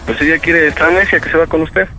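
A man's voice: on the high side, steady tone, quick pace, sharp tone, soft background music, low-quality recording. A man playing an evasive husband who argues defensively and hesitantly with his mother-in-law, with a Mexican Spanish accent. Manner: defensive, hesitant, full of "o sea".

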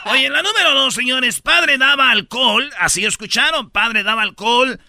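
Rowdy Mexican radio host, bright voice. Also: male voice, extremely high pitch, normal speed. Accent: Mexican Spanish. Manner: rowdy, teasing slang-heavy delivery. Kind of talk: joking news banter.

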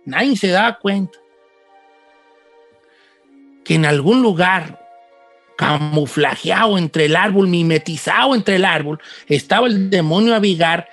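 A man's voice: sits high, measured pace, long pauses, a bit bright, faint music behind. A man narrating a spooky folk tale in a loose, conversational way, dropping asides to the listener. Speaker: storyteller.

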